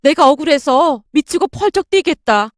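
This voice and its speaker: A woman's voice: high-pitched, expressive, normal speed, no echo, studio quality. A woman voicing a widowed grandmother over 60 in a storybook drama, protesting with bewildered indignation. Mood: bewildered indignant.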